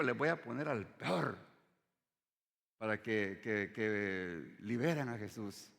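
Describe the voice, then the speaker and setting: In a church with long hall reverb, a man with a creaky, fairly bright voice preaches a sermon, often repeating "hermanos" as he addresses the congregation as brothers. He rises on key words and drops his voice low at the ends of phrases.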